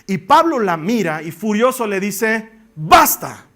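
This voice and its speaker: A Bolivian-accented man preaches a sermon in a high voice. He retells the story with humor. He often turns to his listeners with playful asides. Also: expressive, measured pace, fairly bright tone. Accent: Bolivian Spanish.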